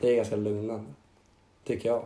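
A hoarse young man from northern Sweden, chatting casually as a podcast co-host and steering the topic. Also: on the low side, little pitch movement, dark tone. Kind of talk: casual chat. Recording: roomy echo.

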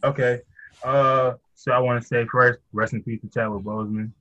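A man's voice: mid-range voice, fairly even intonation, moderate pace, pushed and bright, dry recording, highs cut off. A man hosting a podcast, chatting casually in laid-back slang. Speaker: podcast host. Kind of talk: casual chat.

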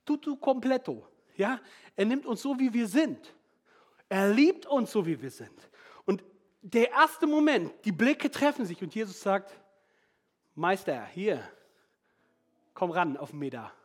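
A man preaching a lively, informal sermon, chatty and slangy, acting out the Bible stories and mixing in foreign phrases. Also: very high-pitched, a little slow.

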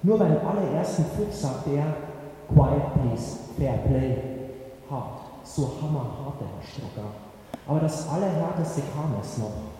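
A man's voice: a little high, expressive, normal speed, warm tone. A man narrating a first-person story for an audiobook in a wry, conversational way. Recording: echoey hall with faint hiss.

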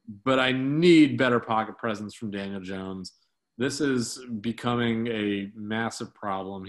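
A man co-hosting a sports podcast, talking casually about football with many fillers and restarts. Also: mid-range voice.

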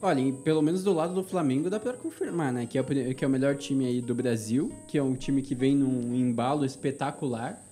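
A man's voice: medium pitch, fairly quick, hardly any pauses, warm tone, faint music behind. A man on a football panel, eagerly chiming in with facts in a casual debate.

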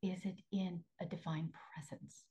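A woman hosting a faith podcast as a spiritual coach, talking earnestly, repeating phrases for emphasis and often sinking into a soft half-whisper. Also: lowish voice, fairly even intonation, a little slow, husky, rough recording.

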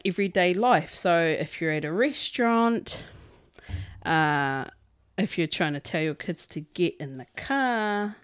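A woman with a New Zealand Māori accent co-hosting a podcast, chatting casually in an expressive, informal, bantering way. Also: on the low side, clean tone, no room sound, clean studio sound. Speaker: podcast co-host. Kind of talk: casual chat.

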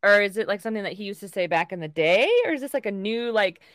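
A woman's voice: medium pitch, expressive, fast, no echo, clean studio sound. A woman co-hosting a podcast, chatting loosely and rambling in a giggly casual tone. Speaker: podcast co-host. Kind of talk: casual chat.

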